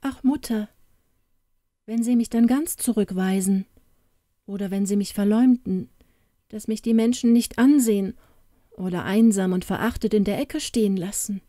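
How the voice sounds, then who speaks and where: A woman's voice: mid-range voice, moderate pace, pauses often, warm tone, no echo, studio quality, voice pushed up, lightly acted. A woman voicing a sad young woman who is the fairy tale itself, in a pleading, plaintive way. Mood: tearful.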